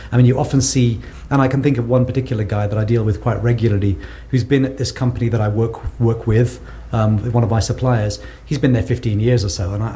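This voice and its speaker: In a conversational podcast interview, a South African guest researcher gives thoughtful answers, frequently repeating words as he builds his points. His mid-range voice has a warm tone, and there's a little hiss or hum in the recording.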